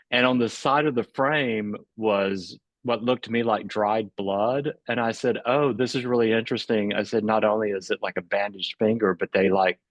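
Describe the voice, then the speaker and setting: Low-voiced chatty man hosting a video call. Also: steady tone, moderate pace, no echo. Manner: chatty, laughs often, many filler words like "like". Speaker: host and moderator of an artist talk. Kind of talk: casual presenting.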